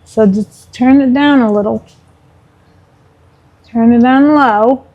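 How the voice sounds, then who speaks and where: Slowly and in a slightly high voice, a woman demonstrates a recipe in her home kitchen, chatting easily, tossing in small asides, and even addressing her pet partway through. She's a home cook and vlogger giving a casual cooking tutorial, and the audio has its highs cut off.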